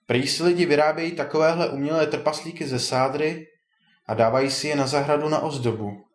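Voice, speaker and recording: A man voicing a kindly, teasing old male wizard in a storybook tale, a bit higher than his narration. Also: lightly acted. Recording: roomy echo.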